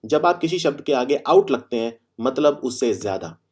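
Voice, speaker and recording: A man's voice: medium pitch, expressive, darkish tone. Man teaching vocabulary in Hindi. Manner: explains with everyday examples, repeats key phrases; reads English example sentences slowly and deliberately. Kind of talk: Hindi-English vocabulary lesson.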